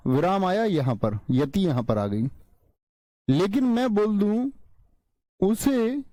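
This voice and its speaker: A male teacher giving an online class lecture, speaking slowly, repeating key terms and quizzing his students. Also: sits high, mellow, no echo. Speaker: Hindi teacher.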